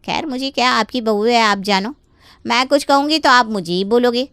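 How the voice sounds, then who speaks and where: A woman's voice: a little high, moderate pace, a bit bright, clear, resonant tone, no echo, studio quality. A woman voicing a scheming young married woman in a cartoon story, taunting and falsely innocent. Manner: sly, taunting, fake-innocent whining. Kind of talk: Hindi cartoon voice acting.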